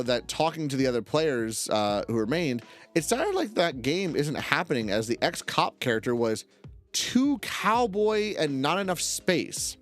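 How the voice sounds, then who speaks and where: A man streaming, reading role-playing stories aloud and breaking off into sweary rants, tripping over and correcting his reading. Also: medium pitch. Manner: animated, swears, goes off on rants and tangents; stumbles and corrects himself while reading.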